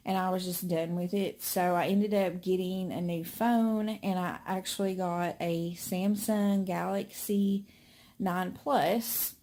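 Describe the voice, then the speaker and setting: A woman's voice: fairly low pitch, fairly even intonation, slow, dark tone. A young woman chatting casually to a phone camera at home, rambling with many fillers and a little out of breath. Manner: rambling, filler-heavy, friendly. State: slightly out of breath. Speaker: vlogger. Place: home indoors.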